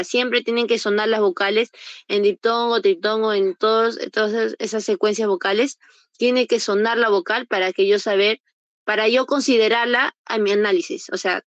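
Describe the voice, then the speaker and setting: Heard through a computer mic on a video call, this woman from Peru teaches a university entrance prep class online, carefully pronouncing example words and testing her students. Her voice is mid-range, and the sound is lo-fi with no echo.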